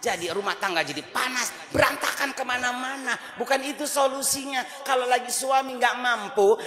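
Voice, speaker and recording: A male Islamic preacher giving a lively, joking sermon. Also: extremely high pitch, vocal fry. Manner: lively, joking, many voices. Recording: echoey reverberant hall.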